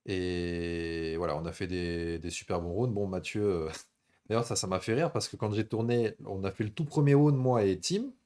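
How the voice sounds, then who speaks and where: A man's voice: low-pitched, normal speed, a little mellow. A man with a radio-presenter voice that is easy to listen to, telling stories casually as host of a live stream. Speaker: host of a combat sports stream.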